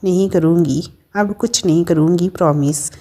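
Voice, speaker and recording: A woman's voice: on the low side, normal speed, close to an everyday voice. A woman voicing a bashful young wife. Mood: excited. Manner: bashful, excited.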